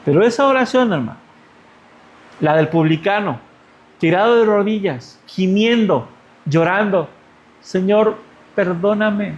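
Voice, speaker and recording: A man's voice: high-pitched, lively intonation, unhurried, pauses often, highs cut off. A Mexican male pastor giving a conversational sermon, asking the congregation rhetorical questions. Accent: Mexican Spanish.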